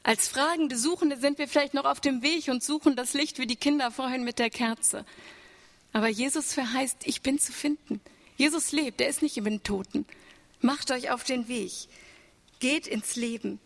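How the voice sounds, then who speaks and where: Higher-voiced woman preaching in a reverberant church. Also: normal speed. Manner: earnest, with rhetorical questions to the congregation. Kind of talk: Easter sermon.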